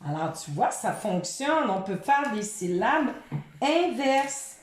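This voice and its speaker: Lively, slow-talking woman teaching kids. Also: fairly high pitch, roomy sound. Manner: sing-song, sounding out letters and syllables slowly. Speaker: children's reading presenter. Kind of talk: reading lesson addressed to a child.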